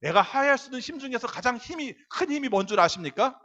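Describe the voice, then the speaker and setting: A male pastor giving a sermon in an animated way, acting out quoted voices and often checking in with his congregation. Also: extremely high pitch, fast, lo-fi sound.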